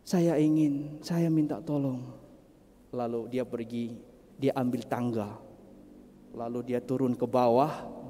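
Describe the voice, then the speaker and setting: A male priest giving a Sunday homily in a measured way, rising to strong emphasis. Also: mid-range voice, warm tone, slight background noise. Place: large cathedral. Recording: long cathedral reverb.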